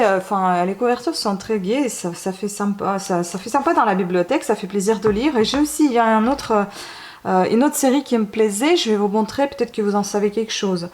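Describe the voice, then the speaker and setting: A woman's voice: fairly high pitch, a little mellow. Hesitant woman chatting about books. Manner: hesitant, many fillers and restarts. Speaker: book vlogger. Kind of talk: casual book haul talk.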